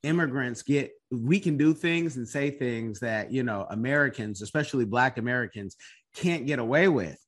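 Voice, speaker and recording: A man's voice: medium pitch, moderate pace. A man hosting an interview podcast, chatty and encouraging, who breaks into bursts of emphasis. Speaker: podcast host. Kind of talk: casual interview.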